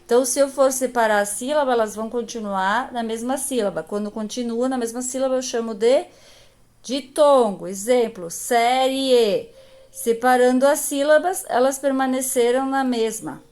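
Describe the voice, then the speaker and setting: A woman's voice: fairly high pitch, moderate pace, darkish tone. A woman teacher with a Brazilian accent giving a recorded grammar lesson to young pupils, patiently stretching out the example words. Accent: Brazilian Portuguese. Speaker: primary school teacher.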